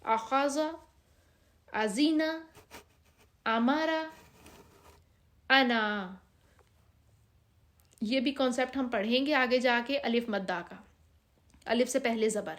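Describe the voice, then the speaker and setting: A woman with a Pakistani Urdu accent teaching Quran reading, explaining rules step by step and slowly drawing out each practice word. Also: fairly high pitch. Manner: patient, drawn-out reading of practice words. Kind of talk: step-by-step recitation lesson.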